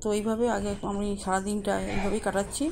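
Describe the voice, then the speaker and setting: A woman chatting softly to viewers as friends while she does household chores. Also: mid-range voice, level tone, fast. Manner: speaks softly and quietly. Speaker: vlogger. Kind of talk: casual home vlog chat. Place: house with rooms, kitchen and rooftop. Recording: noisy home recording.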